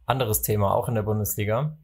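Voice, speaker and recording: A young man from Germany hosting a casual football chat, opinionated and animated when he makes a point. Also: on the low side, fast talker, breathy edge. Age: young adult. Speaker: podcast host.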